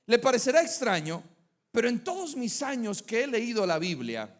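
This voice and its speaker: A man with a notably high voice delivers a sermon. He talks in a relaxed, chatty way, mixing light personal anecdotes with rhetorical questions to the congregation. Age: adult, married with children. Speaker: preacher.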